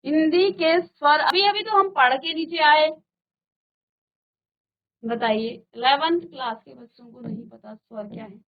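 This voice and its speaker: A woman's voice: high voice, expressive, measured pace, pauses often, lo-fi sound. A woman teacher giving a virtual classroom lesson, explaining step by step and questioning her students.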